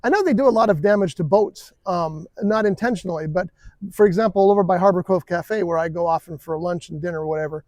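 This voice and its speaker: High-voiced man in casual chat. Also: quick pace, a little mellow, no echo. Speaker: podcast co-host. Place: outdoors on a waterfront boardwalk.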